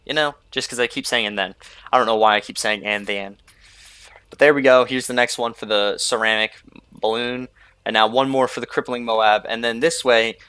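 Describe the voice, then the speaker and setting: A man's voice: fairly low pitch, bright, forceful tone, smooth, no echo. Chatty young man rambling over gameplay. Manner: rambling, chatty, fills with "like" and "you know". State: sleepy, yawning. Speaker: gaming channel host. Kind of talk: casual gameplay commentary.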